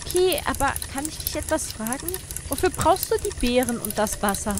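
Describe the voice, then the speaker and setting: A woman plays a polite, curious little girl in an adventure game. The childlike voice is extremely high and swings in pitch, over clear background noise. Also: expressive, brisk. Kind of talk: game dialogue read aloud.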